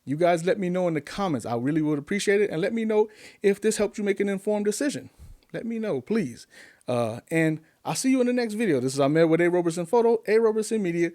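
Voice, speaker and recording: High-voiced yet darkish in tone, this expressive man talks fast as a YouTube tech reviewer in a casual to-camera vlog. Gear fills the home studio behind him, a desk condenser mic on an arm records him up close, and he stays upbeat and chatty, quizzing viewers with lots of questions.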